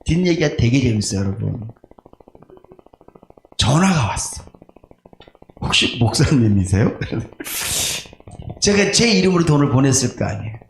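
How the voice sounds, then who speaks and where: A male pastor delivers a sermon as an animated personal story, with a lively, wide-swinging and slightly high voice. He confesses his own failings and pokes fun at himself. The recording rings with room echo in a church sanctuary, with a faint hiss of background noise. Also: measured pace, vocal fry, long pauses.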